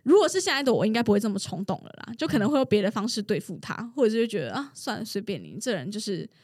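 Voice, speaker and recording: A woman in her thirties hosting a podcast who tells stories in a loud, excitable way, laughing often. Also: medium pitch, very fast, husky, no room sound, clean studio sound. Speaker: podcast host. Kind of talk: casual storytelling chat.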